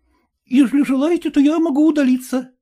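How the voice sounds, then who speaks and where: A man's voice: very high voice, fairly even intonation, fairly quick, dark tone, voice pushed up. A man voicing a timid, obsequious suitor who speaks in a servile, ingratiating way. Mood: fawning.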